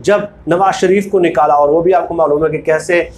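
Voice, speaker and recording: His fairly high voice is steady and a little mellow, at a moderate pace, with slight background noise. He's a political commentary video host with a Pakistani accent who reads book excerpts and stresses his points emphatically through repetition.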